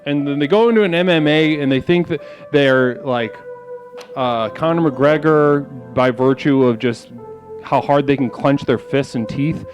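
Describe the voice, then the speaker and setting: A man with a fairly high-pitched but darkish voice hosts a live stream in the role of a self-styled spiritual leader. The comedic monologue rambles along in mock solemnity, full of stammering and crude asides.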